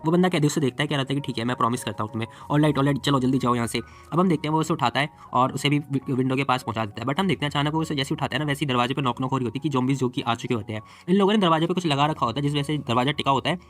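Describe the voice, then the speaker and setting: A man's voice: mid-range voice, racing, hardly any pauses, soft background music. A man narrating a comic story in a chatty recap style, voicing the characters' lines and adding personal asides. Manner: chatty, retells scenes and voices characters' lines. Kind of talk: casual storytelling recap with quoted dialogue.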